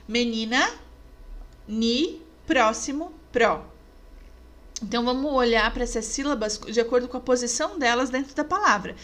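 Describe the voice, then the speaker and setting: A woman teacher narrating a review lesson over slides, measured and clear, stressing each example word. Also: fairly high pitch, a bit bright.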